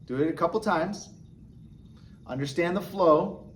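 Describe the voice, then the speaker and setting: A man's voice: on the high side, a little slow, a little hiss or hum. A man teaching a beginner sign language lesson in a casual, encouraging way, often checking in with the viewer. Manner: encouraging, chatty, frequent "okay?" and "right?" checks. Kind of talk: casual instructional explanation.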